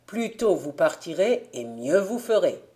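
A solemn, elderly peasant father gives his daughter an errand, read by a woman narrator. His words come slowly and low, in a mellow, dark tone. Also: big pitch swings.

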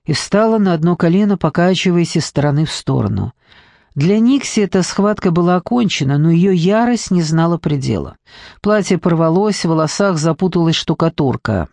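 A man narrating an audiobook in an even, measured storytelling manner. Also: a little high, gravelly, no echo, studio quality.

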